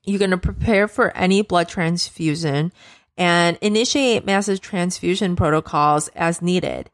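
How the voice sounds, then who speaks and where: A woman's voice: on the low side, unhurried, dry recording, clean studio sound. A woman hosting a nursing podcast, explaining steps in a plain, matter-of-fact teaching voice. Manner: instructive, matter-of-fact, direct second-person guidance. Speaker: podcast host, nurse educator. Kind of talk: podcast lecture.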